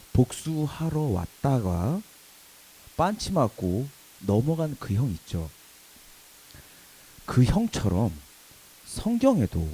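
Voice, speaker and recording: Young guy preaching to youth group, animated and laughing at his own story, warm kinda husky voice. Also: lowish voice, poor audio. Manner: animated storytelling, laughing at himself, acting out quoted shouts. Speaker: youth pastor. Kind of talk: sermon with personal anecdote. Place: church worship hall.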